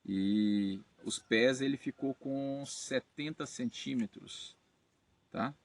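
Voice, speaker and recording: A man's voice: mid-range voice, slow, vocal fry, no echo. A Brazilian man hosting his channel, casually answering viewer comments with many fillers and self-corrections. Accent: Brazilian Portuguese. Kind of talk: casual talk to camera.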